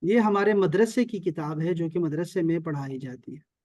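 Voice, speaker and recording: A man's voice: fairly high pitch, lively intonation, darkish tone, no room sound. A man from Pakistan teaching an online Arabic and Quran lesson over a video call, repeating key terms and checking often that his students follow.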